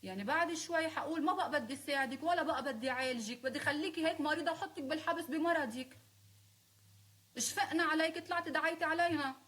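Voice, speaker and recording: A Lebanese woman with a high voice rants on a live stream. She scolds and mocks her critics in a confrontational tone, full of sarcasm. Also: fairly bright tone. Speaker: singer speaking on a live stream. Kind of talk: heated live-stream rant.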